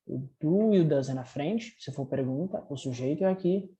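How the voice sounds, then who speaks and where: With lively intonation and a mellow, warm, medium-pitched voice, an English teacher with a Brazilian Portuguese accent patiently walks students through grammar step by step, often checking in. English drill sentences are read slowly and clearly, and the recorded lesson has a lo-fi sound.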